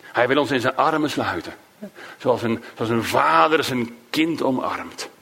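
A man preaching a sermon, emotive, swinging between raised emphasis and hushed, low phrases. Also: animated, gravelly, slightly rough. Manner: slow, drawn-out delivery of quoted cries.

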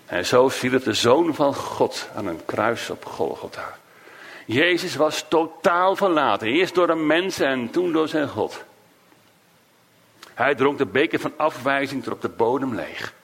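A man preaching a sermon, emotive, swinging between raised emphasis and hushed, low phrases. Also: expressive, slightly rough. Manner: slow, drawn-out delivery of quoted cries.

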